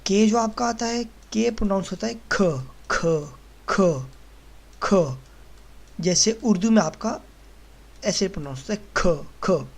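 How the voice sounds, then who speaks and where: A man teaching German pronunciation in a slow lesson. He patiently explains each letter and says every sound several times while writing on a board. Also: high-pitched, vocal fry. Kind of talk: slow lesson walking through the alphabet.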